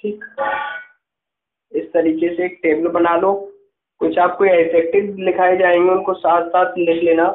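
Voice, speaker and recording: The English teacher, a man with a high-pitched voice and little pitch movement, dictates grammar notes slowly and patiently, repeatedly checking in with his class. The recording comes across tinny and echoey, like a phone in a bare room.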